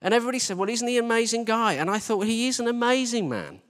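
Talking very fast with big pitch swings and a fairly bright tone, a British church team leader with a high-set voice preaches informally. He speaks to the congregation conversationally, jokes at his own expense, and uses repeated phrases and rhetorical questions, all ringing through a large, very echoey church hall.

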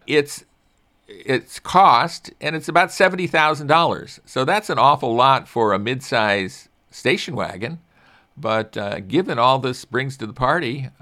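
A man's voice: mid-range voice, pushed and bright. An older man hosting a car radio show, talking casually and chattily with frequent restarts and self-deprecating asides. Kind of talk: casual car-review talk.

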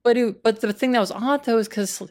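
A woman talking in casual conversation, hesitant and halting, with many restarts. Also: fairly high pitch, a little mellow. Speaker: guest.

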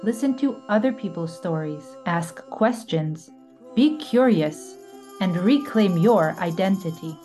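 A woman's voice: lowish voice, lively intonation, measured pace, music in the background. A woman co-hosting a podcast, reading a scripted intro in an upbeat, inviting way. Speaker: podcast co-host.

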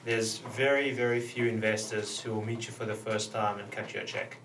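A man with a lowish, creaky voice talks as a startup founder in a casual panel interview. He explains and gives advice, restarting phrases as he goes. He sounds set back from the microphone. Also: fairly even intonation, brisk, a bit bright. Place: roomy space, radio show recording. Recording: roomy, distant mic with slight noise.

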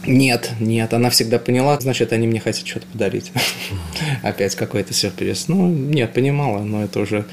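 Young man, casual halting interview answers, faint noise. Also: mid-range voice. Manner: hesitant, halting, with frequent restarts. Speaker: interview guest. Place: house.

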